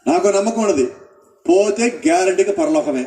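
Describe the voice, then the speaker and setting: Man preaching, high voice, roomy echo, heard from a distance. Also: animated, moderate pace, a little mellow. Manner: preaching with acted-out quotes and questions to the congregation. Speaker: pastor. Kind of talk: sermon.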